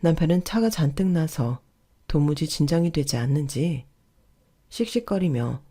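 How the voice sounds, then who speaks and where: A woman narrating a radio story in a calm, polite storytelling manner. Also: sits low, moderate pace, slightly rough.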